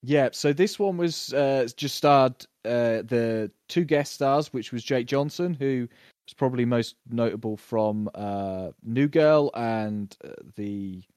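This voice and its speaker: A man in casual conversation on a podcast, talking through a TV series with lots of fillers and quick bursts of acted-out lines. His voice sits in a middle register and sounds dry and close, with no room around it. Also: mid-range voice, clean tone, no echo. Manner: animated, puts on quick voices when retelling scenes. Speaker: podcast co-host. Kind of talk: casual TV review chat.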